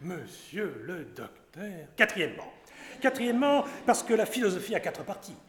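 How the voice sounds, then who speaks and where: A man's voice: high-pitched, big pitch swings, moderate pace. An actor playing a pompous, boastful male doctor who lectures, counts out his points and shows off Latin, in stage acting of a classic comedy. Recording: echoey hall with long reverb.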